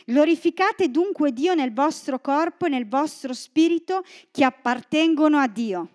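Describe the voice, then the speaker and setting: High-voiced woman preaching a sermon. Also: unhurried. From northern Italy. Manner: lively, joking asides to the congregation. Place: church.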